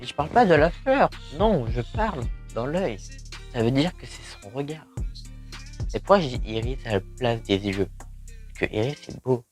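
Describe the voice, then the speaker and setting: A man's voice: medium pitch, animated, normal speed, a little mellow, soft background music. A young man with a lisp that slurs his s sounds, chatting casually and playfully as he thinks aloud about songwriting. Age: young adult. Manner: informal, playful, self-mocking, breaks into sung or rapped lines. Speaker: amateur songwriter and video creator. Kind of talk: casual vlog, thinking aloud while writing a song.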